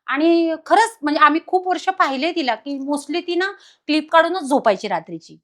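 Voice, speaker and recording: A woman guest telling a personal haunting story in an animated, dramatic way. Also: high voice, moderate pace. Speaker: podcast guest.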